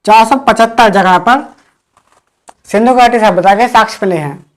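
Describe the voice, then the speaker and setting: A woman teaching an exam-prep history class, repeating key points slowly and quizzing the listeners. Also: on the high side.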